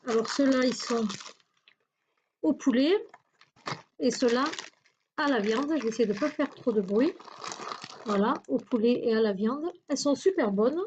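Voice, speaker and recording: Chatty woman with a mellow voice. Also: on the high side, normal speed, long pauses, highs cut off, a little hiss or hum. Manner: chatty, hesitant, searching for words with many fillers. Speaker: YouTuber showing a shopping haul. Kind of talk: casual haul video chat.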